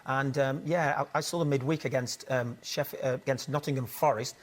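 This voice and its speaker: A man's voice: mid-range voice, fairly even intonation, brisk. A man analysing football in a studio, hesitant and full of ums. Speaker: football pundit. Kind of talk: studio punditry chat.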